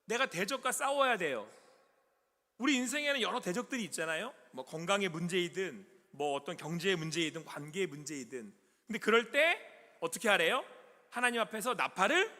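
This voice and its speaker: A man preaching a sermon as pastor, asking the congregation questions and swinging from loud calls to soft whispers. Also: on the high side. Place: church sanctuary. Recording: long hall reverb.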